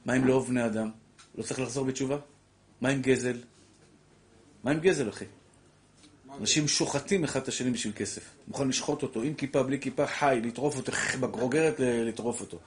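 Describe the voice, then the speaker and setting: A middle-aged man, a rabbi giving a lively Torah class who preaches through rhetorical questions and calls his listeners fondly. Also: medium pitch. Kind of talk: animated Torah lecture.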